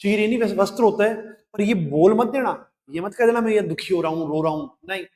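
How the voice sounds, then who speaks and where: A man's voice: sits high, fast talker, darkish tone, big-room sound. A male Hindi teacher in a live class. He recites lines of a poem and then explains each one, asking rhetorical questions as he goes.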